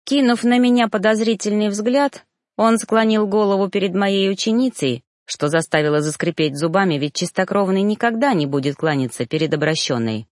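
A woman reading a fantasy novel aloud in a steady, expressive first-person narration. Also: medium pitch, no room sound, studio quality. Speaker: audiobook reader.

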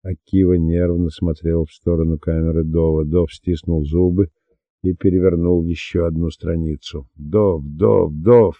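A man reads a novel aloud in a measured, steady way. His voice is very low. The recording is muffled, with no room echo. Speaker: audiobook narrator. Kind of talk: scripted narration. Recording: dull dry lo-fi recording.

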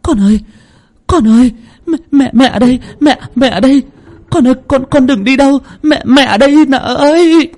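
A man voicing an old mother who calls out loudly and frantically in a high voice. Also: normal speed. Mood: frantic. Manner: loud, high, frantic calling.

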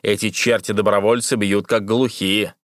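A man's voice: fairly low pitch, little pitch movement, moderate pace, a bit bright, no room sound, studio quality, natural voice. A man reading the part of an army surgeon who speaks coldly and without feeling. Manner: cold, detached. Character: cold, matter-of-fact male army surgeon.

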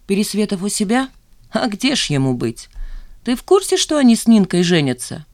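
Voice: medium pitch, sing-song, moderate pace, darkish tone, no room sound, clean studio sound, pitched above the performer's own voice. A narrator voicing a mocking, gossiping male coworker who draws out his words theatrically.

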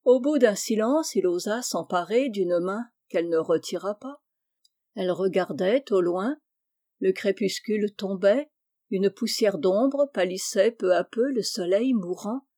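A woman reading a classic story aloud in measured, descriptive narration. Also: mid-range voice, dark tone, dry recording, studio quality. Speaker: reader.

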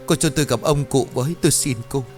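A man voicing a desperate middle-aged woman who begs for help in a high, tearful voice. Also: lively intonation, normal speed, faint music behind, lightly acted. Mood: pleading tearful. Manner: tearful, pleading, high-pitched.

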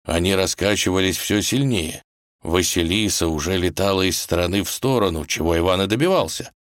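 A man narrating a fairy tale in an expressive, dramatic storytelling manner. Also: low voice, brisk, no echo, studio quality.

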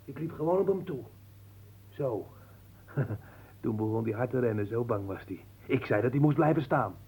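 Simple village lad, childlike, blurting, husky voice, mid pitch. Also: male voice, lively intonation, moderate pace. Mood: excited. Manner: childlike, blurts and shouts, giggles to himself. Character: simple-minded, anxious young village man. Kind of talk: 1960s radio drama acting.

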